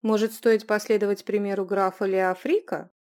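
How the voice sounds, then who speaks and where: A woman's voice: medium pitch, little pitch movement, moderate pace, darkish tone, lightly acted. A woman voicing a cold, ironic nobleman who gives commands. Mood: commanding.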